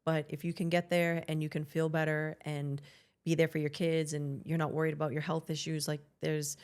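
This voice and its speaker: Low, flat-voiced woman with a Boston accent. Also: moderate pace, clear, resonant tone. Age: middle-aged. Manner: rambling, restarts with many likes and ums. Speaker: podcast guest, hairstylist and CrossFit coach. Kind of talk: casual interview chat.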